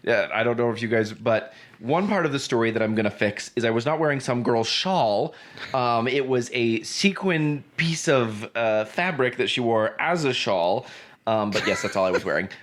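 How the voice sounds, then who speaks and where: A man in his thirties chats as a guest co-host. His pitch swings widely from low growls to sudden highs. He keeps up playful, campy, teasing jokes in a loose, casual style. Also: lively intonation, moderate pace, a bit bright. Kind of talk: casual podcast banter.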